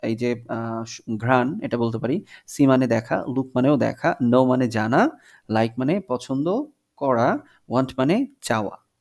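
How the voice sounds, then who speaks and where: A man teaching an English textbook lesson on video, reading English lines slowly and then explaining them in Bengali. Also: medium pitch, expressive, darkish tone.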